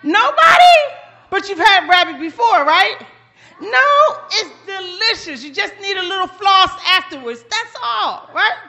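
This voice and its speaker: A woman storyteller telling a folktale to children with high energy and drama, stopping often to quiz her young listeners. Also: sing-song, measured pace, bright, forceful tone.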